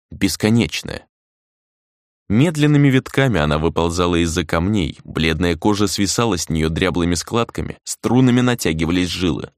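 A man reading a dark fantasy novel aloud as an audiobook narrator, measured and dramatic, slowing down for emphasis. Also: fairly low pitch, no echo, studio quality.

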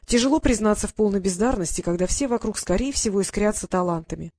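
A woman reading an audiobook in a steady, expressive narration. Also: medium pitch, fast talker, no room sound, clean studio sound.

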